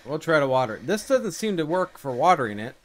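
A man's voice: a little high, very animated, fast talker. Man muttering through a survival game. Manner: thinking aloud, unsure, muttering to himself. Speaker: gameplay streamer. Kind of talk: casual let's-play commentary.

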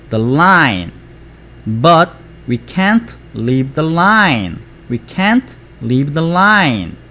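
Male phonics teacher, very slow, word-by-word modeling, animated pitch, quick asides. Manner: models words one at a time, slowly and stretched; explains briskly, then drills phrases over and over. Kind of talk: language lesson.

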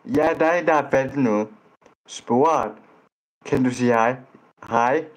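A man's voice: medium pitch, rough recording. A man vlogging as he chats with strangers online, blunt and teasing, often tripping over his words and starting sentences again. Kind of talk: casual chat.

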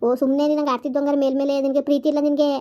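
A woman playing a young wife who complains rapidly and indignantly to her husband about his mother, in a village comedy skit. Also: sits high, little pitch movement, mellow, natural voice. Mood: sarcastic. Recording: slightly dull lo-fi recording.

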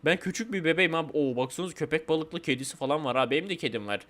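High-voiced man doing playful game commentary. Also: very fast, a bit bright. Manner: playful, whiny, says "abi" and "vallahi" often. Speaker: gaming channel host.

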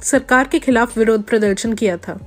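Female news narrator, slightly high voice, faint music under, measured scripted read.

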